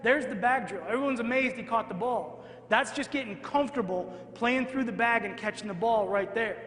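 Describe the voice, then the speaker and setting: High-voiced man coaching in an echoey hall. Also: moderate pace. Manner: energetic, keeps asking "all right?". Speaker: football coach. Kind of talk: coaching clinic talk. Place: large hall at a clinic. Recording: echoey hall, long reverb.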